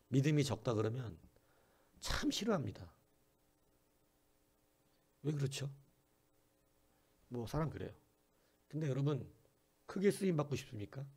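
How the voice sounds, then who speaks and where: Male pastor, sermon delivery, mellow husky tone, talks with the congregation, shifts from whispers to loud bursts. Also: mid-range voice. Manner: conversational preaching, often asking the congregation questions; acts out quoted voices, from soft whispers to sudden loud bursts.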